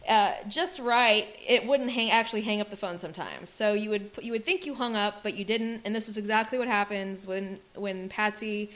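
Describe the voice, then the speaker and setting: Female podcast co-host, mid pitch, emphatic and argumentative storyteller. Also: moderate pace, few pauses, fairly bright tone. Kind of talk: true crime podcast discussion.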